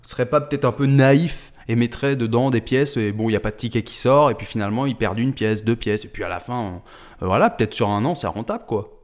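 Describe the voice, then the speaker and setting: A video host makes prank calls, speaking quickly in casual, slangy, rambling chat and commentary. His voice is medium-pitched.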